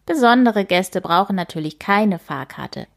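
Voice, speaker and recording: A woman's voice: medium pitch, expressive, a little slow, gravelly. A woman doing a jovial bus driver. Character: friendly male bus driver, kind and jovial.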